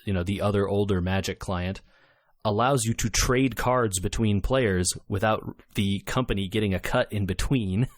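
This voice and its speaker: A man co-hosting a casual gaming podcast talks emphatically and with exasperation in a lowish voice, repeating words to stress them. His pace is moderate and the sound has no echo.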